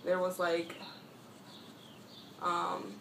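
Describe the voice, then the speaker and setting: A woman's voice: completely flat delivery, extremely slow, gravelly. Rambling young woman, faint distant hiss. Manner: rambling, says "like" constantly, mimics friends in high voices. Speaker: vlogger. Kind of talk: casual storytelling. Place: at home, painting her toenails.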